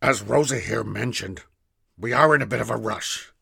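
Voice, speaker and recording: A man voicing a centuries-old male companion who speaks lively, polite and a little grand. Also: mid-range voice, normal speed, creaky, husky, no room sound, studio quality, heavily acted. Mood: reassuring. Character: very old man who looks young, cheerful and reassuring.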